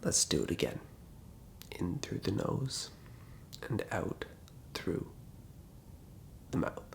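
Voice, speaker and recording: A man in a hushed, breathy ASMR whisper, gently giving guided relaxation instructions with many pauses. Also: low voice, animated, slight background noise. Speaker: ASMR host.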